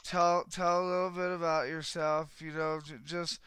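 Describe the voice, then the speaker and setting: A male interview host with an exceptionally smooth, clean voice pitched a little high, recorded close and dry. He rambles casually and circles back over his words. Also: level tone, normal speed, a bit bright, no room sound. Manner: rambling, repeats words and restarts.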